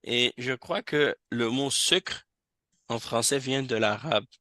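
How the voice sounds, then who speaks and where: A man's voice: medium pitch, slow, bright, forceful tone, dry recording. A man teaching an Arabic class in French, patiently explaining and correcting students. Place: mosque classroom.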